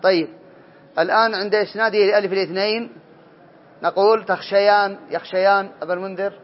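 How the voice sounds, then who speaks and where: High-voiced man teaching grammar to a class. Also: steady tone, fast. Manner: drills students, calls on them by name and corrects them. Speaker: teacher of Arabic morphology. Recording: dull lo-fi classroom recording.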